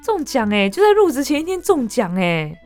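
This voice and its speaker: A woman podcast host, chatting casually and reading out online comments in a lively way, with frequent exclamations and laughter. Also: high voice, normal speed, faint music behind. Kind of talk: casual chat reading netizen stories.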